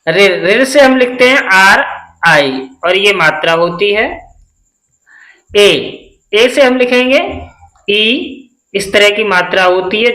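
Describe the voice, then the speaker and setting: Slow, deliberate male teacher in an echoey room. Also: sits high, pushed and bright. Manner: deliberate, spells letters out one by one and asks the class quick questions. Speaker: English teacher. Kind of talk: step-by-step spelling lesson.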